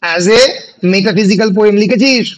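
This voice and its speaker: Slow-dictating Bengali-accented male teacher. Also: sits high, rough recording. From India. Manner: mixes Bengali with slow dictated English phrases. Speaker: college English teacher. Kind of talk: online class lecture, dictating questions.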